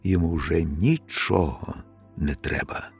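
A man voicing an old, resigned country doctor who speaks calmly and flatly, in an audiobook reading. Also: lowish voice, a little slow, faint music behind, pitched above the performer's own voice. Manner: flat, unmoved, sighing.

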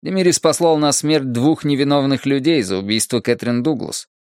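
A man narrating an audiobook novel in a measured, dramatic reading. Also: mid-range voice, a little mellow, clean tone, no echo, studio quality. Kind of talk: scripted narration.

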